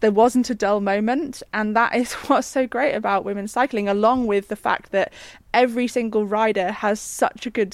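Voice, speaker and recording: A woman's voice: medium pitch, no room sound. British woman chatting, close and dry. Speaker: podcast co-host. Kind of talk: casual chat.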